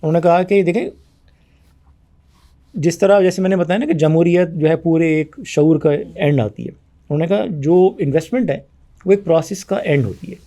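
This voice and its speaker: Mellow-voiced man arguing his case. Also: on the high side. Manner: forceful, argumentative, acts out both sides of past conversations. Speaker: guest. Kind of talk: conversational interview.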